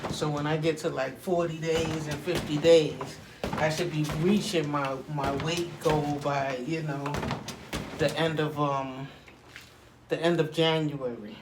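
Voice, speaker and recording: A man with a slightly high voice talks casually to camera while hitting a punching bag. He rambles along in loose, conversational phrases with repeated check-in tags. The recording has clearly audible noise around him. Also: steady tone, a little slow. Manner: rambling, frequent "you know what I'm saying" tags. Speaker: video creator. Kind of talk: casual workout vlog, talking to camera.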